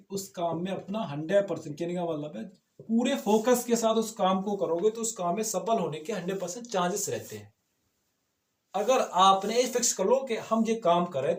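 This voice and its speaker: Man, chemistry teacher, high voice, echoey room, keeps asking rhetorical questions. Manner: motivational asides, frequent rhetorical checks. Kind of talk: informal classroom lecture.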